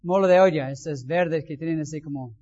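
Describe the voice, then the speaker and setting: Brief: male pastor, high voice, reads scripture and adds homely asides, dull recording. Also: a little fast, mellow. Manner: reads scripture aloud, then comments with folksy asides. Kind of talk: Bible reading and sermon. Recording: dull lo-fi sound.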